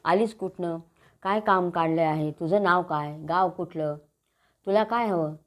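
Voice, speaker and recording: A woman's voice: on the low side, measured pace, natural voice. A woman voicing a worried palace maid in a storybook tale, speaking in a questioning, fretful way.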